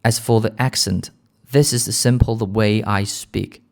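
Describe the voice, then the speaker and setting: A man with a British accent leading a shadowing lesson for English learners in a calm, gentle, clear manner. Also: fairly low pitch, a little slow. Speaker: English teacher.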